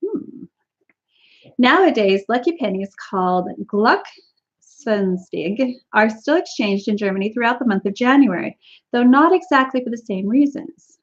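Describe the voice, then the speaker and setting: A woman from Canada hosting a casual live-stream snack tasting, chatty and giggly as she talks to her viewers. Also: a little high. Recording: slightly dull lo-fi stream audio.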